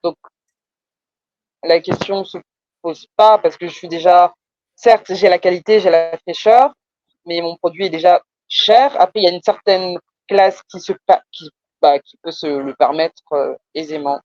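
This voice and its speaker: This coached entrepreneur from Paris describes her business in a casual way, pausing hesitantly and repeating words for emphasis. She speaks a little slowly in a lowish, darkish voice, on a muffled recording without room sound.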